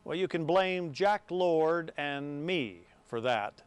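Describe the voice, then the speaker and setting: A man's voice: fairly high pitch, lively intonation, takes it slowly, clean tone, dry recording. Man narrating a news tribute, dry close sound. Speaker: sports anchor.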